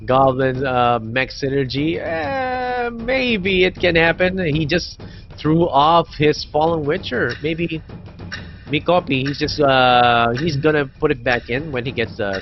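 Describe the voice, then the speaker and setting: Man, esports co-caster, halting delivery, lots of fillers, muffled lo-fi audio. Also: mid-range voice, expressive. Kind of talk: live game commentary. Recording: dull lo-fi stream audio with game music.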